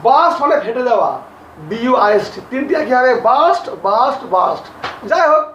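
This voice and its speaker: A male English teacher, teaching grammar to a class slowly, repeating and spelling out each word. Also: very high-pitched, expressive, fairly bright tone, slight background noise. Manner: slow, repeats and spells out words. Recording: echoey, distant, dull lo-fi audio.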